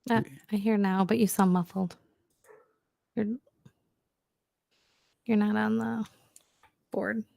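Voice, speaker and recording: A woman's voice: medium pitch, steady tone, slow pace, gravelly, long pauses, darkish tone, dry recording. A woman co-hosting a podcast, giving short casual replies during a sound check, her voice distant and muffled as if through a wall. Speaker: podcast co-host.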